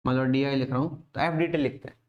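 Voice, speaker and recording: A man's voice: mid-range voice, fairly even intonation, fast talker, lo-fi sound. A man teaching physics in a casual classroom lecture, repeating questions to his students.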